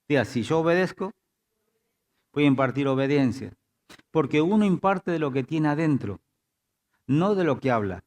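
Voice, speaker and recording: A man's voice: fairly high pitch, a little mellow. A male pastor preaching a sermon in church, often prompting the congregation with "diga" and checking in with "¿sí?". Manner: repeats "diga" and "¿sí?" to engage the congregation.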